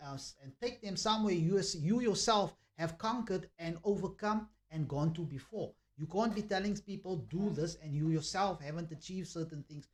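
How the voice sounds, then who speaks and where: A man giving a preachy commentary monologue, repeating himself and filling pauses with ums. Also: sits high, a little mellow. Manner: preachy, repetitive, with many fillers.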